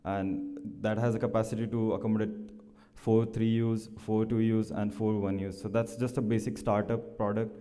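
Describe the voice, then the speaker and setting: Mellow halting man in a reverberant hall. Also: lowish voice, little pitch movement, faint music behind. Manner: halting, explanatory delivery in slightly non-standard English. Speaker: startup presenter. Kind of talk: answering judges' questions at a pitch competition. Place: large conference hall. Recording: echoey hall, long reverb.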